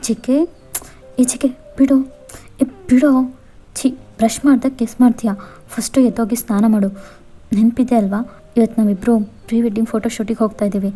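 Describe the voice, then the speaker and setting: A woman voicing a young fiancée in a Kannada fan-fiction audio story, explaining things in a hushed, earnest way. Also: on the high side, close to an everyday voice. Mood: teasing. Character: young woman, dead fiancée, calm and urgent.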